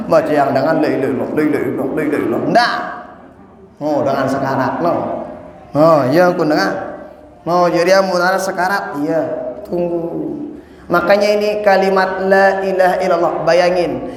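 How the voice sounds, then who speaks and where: A man preaching an animated sermon, speaking straight to his congregation and chanting lines of the creed. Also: sits high. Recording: echoey hall.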